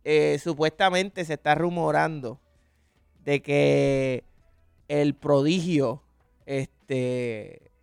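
A man hosts a casual sports talk podcast with a slightly raised pitch. His voice is smooth and clear, recorded close and dry. He talks in a relaxed, teasing way. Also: very slow, no room sound, faint music behind. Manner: laid-back, chuckling, lightly teasing. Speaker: podcast host.

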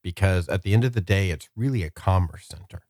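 Deep-voiced man on a podcast, dry sound. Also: fairly quick, darkish tone, no room sound. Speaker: podcast co-host. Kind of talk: casual podcast discussion.

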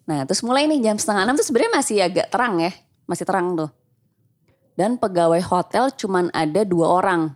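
A woman casually telling a spooky story, acting out the quoted lines with big jumps in pitch. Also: fairly quick. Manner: animated, acts out quotes with big pitch jumps, laughs often. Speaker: storyteller guest.

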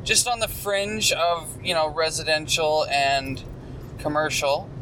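In a noisy car full of road noise, a male co-host banters with a friend, joking and rambling with plenty of fillers. His voice is fairly high and fairly even in intonation, and he speaks at a measured pace.

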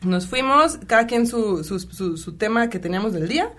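A woman with a Mexican Spanish accent tells a personal story in casual conversation, animatedly acting out what others said and using many fillers. Her voice is fairly high and her pace moderate, with a little hiss or hum in the recording.

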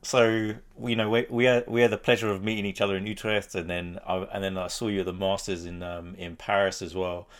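Male podcast co-host, lowish voice, casual conversational delivery. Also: little pitch movement, brisk, few pauses. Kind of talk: casual chat.

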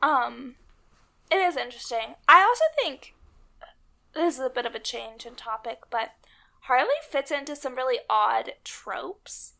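High, bright, gravelly woman. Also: a little slow. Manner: chatty, heavy use of "like". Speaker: podcast co-host. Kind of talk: casual chat.

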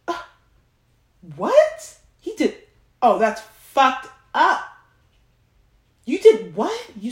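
A woman's voice: fairly low pitch, darkish tone, natural voice. A woman voicing a shocked female friend who reacts to a wild story with gasping, disbelieving questions. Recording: roomy echo.

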